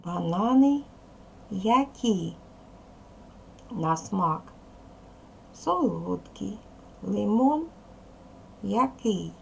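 Slow gravelly woman teacher. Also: medium pitch, lively intonation, a little hiss or hum. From Ukraine. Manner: patient, asks questions and answers them herself. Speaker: primary school teacher. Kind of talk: recorded video lesson.

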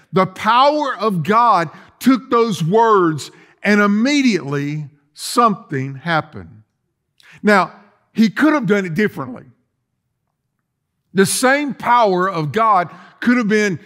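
A man's voice: sits high, a bit bright. A middle-aged man preaching a sermon as pastor, emphatic and full of rhetorical questions and repetition, recorded in a church sanctuary. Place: church sanctuary, empty chairs.

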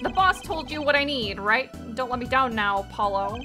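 A woman voicing a folksy middle-aged male noodle vendor, reading game dialogue in a slow, drawling, chummy manner. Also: on the high side, lively intonation, music in the background, lightly acted.

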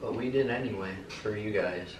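A man's voice: on the low side, brisk, noisy background. Young man in an echoey room. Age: young adult. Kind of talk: casual joking chat. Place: home kitchen. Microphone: camera a few metres away. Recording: roomy, distant mic, background chatter.

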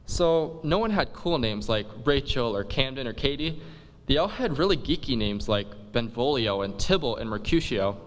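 Slangy laid-back dude in a reverberant hall. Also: male voice, mid-range voice, lively intonation, normal speed. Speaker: comic performer. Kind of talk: comic monologue retelling a play.

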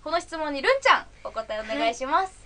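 A woman's voice: high-pitched, very animated, quick pace, pushed and bright. A young woman presenting a live radio show, upbeat and giggly as she reads letters and chats.

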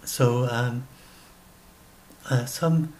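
An extremely slow speaker with a medium-pitched, slightly mellow voice, this man in his sixties gives casual solo commentary on his notes. He is a science blogger who meanders and self-corrects, filmed by his desk webcam in a small room at home, with a little hiss or hum.

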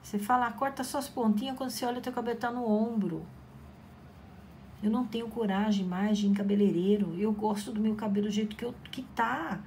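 Brief: middle-aged woman, craft host, casual encouraging chat, mid pitch, faint noise behind. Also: fairly quick. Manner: chatty, warm-hearted encouragement with playful quoted voices. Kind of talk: casual chat while painting.

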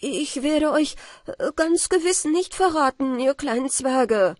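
A woman's voice: sits high, expressive, takes it slowly, no room sound, clean studio sound, voice pushed up. Woman voicing a frightened pleading boy.

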